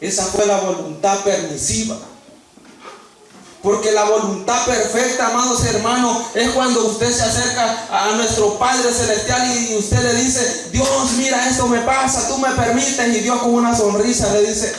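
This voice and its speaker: High-voiced preacher in an echoey hall. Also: male voice, fairly even intonation, unhurried, a little hiss or hum. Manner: acts out dialogue in changing voices. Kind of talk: sermon. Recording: echoey room heard from a distance.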